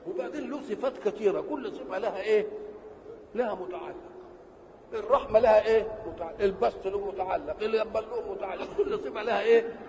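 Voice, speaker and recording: A man with an Egyptian Arabic accent giving a religious lesson. He asks questions and answers them himself, and he stretches key words slowly for emphasis. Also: sits high, a little mellow. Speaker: religious teacher. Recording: reverberant hall with faint background noise.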